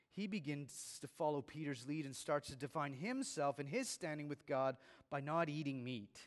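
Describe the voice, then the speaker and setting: A man preaching in earnest, his slightly high voice pressing harder as he drives each point home. His words ring out with a long reverb across a large church sanctuary. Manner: earnest, building to emphatic preaching. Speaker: pastor. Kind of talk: sermon.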